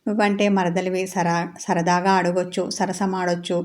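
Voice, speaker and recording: Sly scolding granny in an audio story, woman reading it, flat even voice. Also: fairly low pitch, moderate pace, lightly acted. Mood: teasing. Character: scolding old grandmother, sly and teasing.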